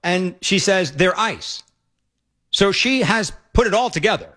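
A fairly high-voiced man hosts a talk radio show, and his commentary comes out sarcastic and mocking. He gets excitable as he talks over clips, speaking close to a studio broadcast mic. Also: measured pace.

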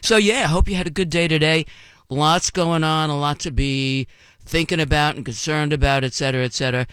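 A man's voice: fairly high pitch, steady tone, a little fast, a bit bright, clear, resonant tone, no echo. A man working as a radio DJ, chatting casually and reading station promos. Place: dry radio studio.

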